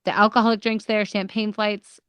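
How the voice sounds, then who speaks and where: A woman's voice: mid-range voice, level tone, fairly quick, smooth, no room sound, highs cut off. A woman chatting casually as a panelist in a gushing, enthusiastic manner. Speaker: panelist in a theme park draft game. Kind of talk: casual chat.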